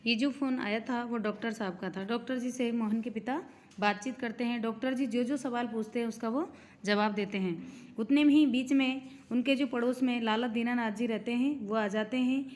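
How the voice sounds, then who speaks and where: A woman's voice: fairly high pitch, steady tone, moderate pace, darkish tone. A woman teacher reading a school play aloud and stopping to explain its words in simple terms for young students. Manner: reads each character's lines, stopping to explain words simply.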